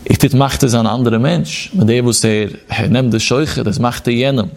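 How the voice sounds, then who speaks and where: Quoting Hebrew passages in a chanting, sing-song cadence, a rabbi delivers a Yiddish-inflected Torah lecture. His medium-pitched voice is a little mellow with vocal fry, at a moderate pace.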